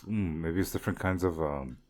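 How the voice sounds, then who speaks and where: Deep-voiced joking man on a podcast. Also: a little fast, darkish tone. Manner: joking and laughing, crude banter. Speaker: podcast co-host and quiz contestant. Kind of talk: casual podcast chat.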